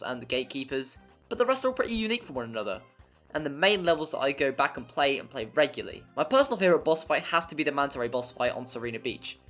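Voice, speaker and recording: A slightly bright, mid-range voice narrates a scripted review of a video game while music plays behind it. The tone is dry and wry, prone to exaggeration and the occasional mild swear.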